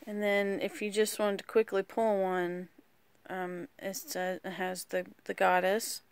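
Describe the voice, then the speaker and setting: A woman casually walking through a deck of oracle cards, rambling and hesitant with lots of pauses. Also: mid-range voice, flat delivery, smooth. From rural United States. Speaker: vlogger. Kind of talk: casual card walkthrough.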